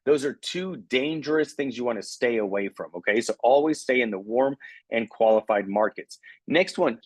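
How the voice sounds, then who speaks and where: Middle-aged guy coaching a sales team, husky voice, dead dry sound, keeps asking okay?. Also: mid-range voice, moderate pace, no room sound. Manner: energetic, coaching, frequent "okay?" check-ins. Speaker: recruiting trainer. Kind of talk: motivational training talk.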